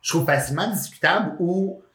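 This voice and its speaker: A Québécois man talks casually on a podcast, his voice sitting a little high for a man. He muses out loud, curious and loose, with plenty of fillers. The room around him rings with echo. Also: fairly quick. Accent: Québécois French. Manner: curious, thinking aloud with many fillers. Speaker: podcast co-host. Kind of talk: casual chat.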